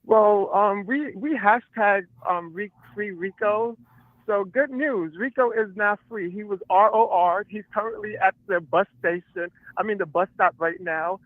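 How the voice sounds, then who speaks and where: A man with a high voice calls in from the street on a phone set to speakerphone. His update is halting and full of fillers, and the line sounds thin and tinny with no room echo. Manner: hesitant, filler-heavy reporting. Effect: heard over a phone on speakerphone. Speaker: field producer. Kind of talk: live on-the-scene phone report.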